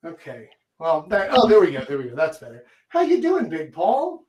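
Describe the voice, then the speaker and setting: A man with a somewhat high voice hosts a live coaching session. He talks informally and emphatically, often checking that the listener follows. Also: huge pitch swings, normal speed, a little mellow, muffled recording. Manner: emphatic, checks in with "right?", casual swearing. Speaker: host, dating and life coach.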